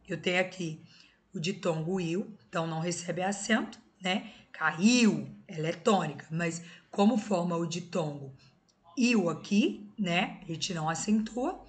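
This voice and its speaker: A woman's voice: fairly low pitch, normal speed. A woman teaching an exam-prep grammar lesson, explaining step by step and often checking in with her students. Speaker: Portuguese teacher.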